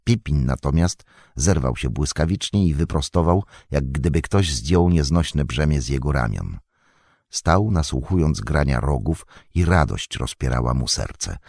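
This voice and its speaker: Deep-voiced man reading an audiobook. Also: gravelly, dry recording, studio quality. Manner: calm, measured storytelling. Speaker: audiobook narrator. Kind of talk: scripted narration.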